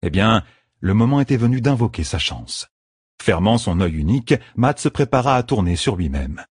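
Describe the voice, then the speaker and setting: A man narrating an audiobook chapter in a slow, measured reading. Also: lowish voice, very animated, slightly rough, no echo, studio quality. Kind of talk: scripted narration.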